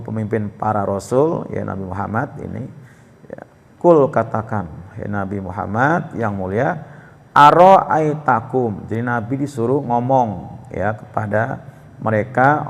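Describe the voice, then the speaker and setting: A man's voice: fairly low pitch, gravelly, big-room sound, slight background noise. A man teaching Quran commentary in a mosque, explaining Arabic words phrase by phrase and addressing his listeners as "Pak".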